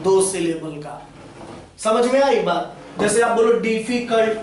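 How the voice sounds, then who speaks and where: A man's voice: high voice, a little hiss or hum. A man teaching English grammar in a lesson, repeating his points and often asking whether the students have understood. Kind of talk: classroom-style lesson explanation. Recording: very echoey room, voice far from mic.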